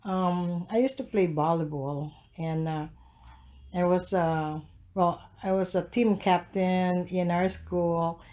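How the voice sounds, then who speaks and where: A man in his sixties from the Philippines, with a Filipino accent, answering interview questions hesitantly with many filler pauses. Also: high-pitched, fairly even intonation, darkish tone. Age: 60s. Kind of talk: oral history interview.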